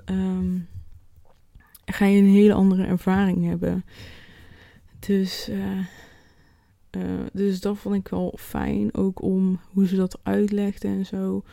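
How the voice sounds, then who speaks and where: Woman doing a casual vlog story, really mellow voice, slow-ish, stops to find words, dry sound. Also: mid-range voice, gravelly, no echo. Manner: halting, pausing mid-sentence to search for words. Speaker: vlogger. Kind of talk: casual vlog recounting an experience.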